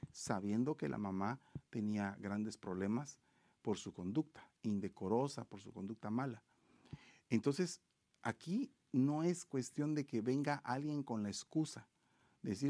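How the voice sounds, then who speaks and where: A man's voice: medium pitch, dark tone, no echo. Earnest preaching man, dry close sound. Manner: earnest, moralizing, emphatic rhetorical questions. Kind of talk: preaching-style marriage talk.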